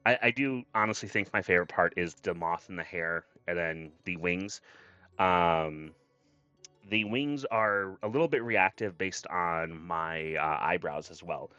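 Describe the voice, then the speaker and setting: Speaking low and a little slowly, this man has a bright, forceful, smooth voice, captured in a muffled recording with no echo. He's a streamer and VTuber chatting casually, effusive and grateful, often thanking viewers while background music plays.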